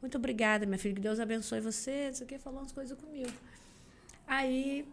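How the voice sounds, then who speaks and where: Animated young Brazilian woman storyteller. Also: high voice, fast talker, a little hiss or hum. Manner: animated, acts out quoted voices. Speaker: podcast guest, singer. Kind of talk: casual storytelling.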